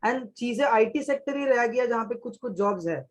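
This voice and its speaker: A man's voice: extremely high pitch, animated, moderate pace. A man speaking on a webinar panel in mixed Hindi and English, with some hesitant fillers. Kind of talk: panel talk.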